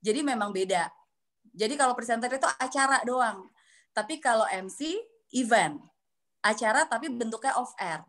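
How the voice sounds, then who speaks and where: Woman, speaking coach, slightly high voice, friendly and explanatory, online class. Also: animated, moderate pace, long pauses, fairly bright tone. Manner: friendly, explanatory, uses frequent tag words. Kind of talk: online class, answering questions.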